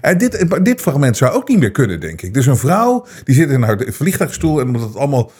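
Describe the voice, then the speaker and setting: A man's voice: medium pitch, wildly swooping pitch, fairly quick, darkish tone, husky. A man hosting his own show, ranting in an indignant, sarcastic way with many restarts and repetitions. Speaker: host. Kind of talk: ranting commentary.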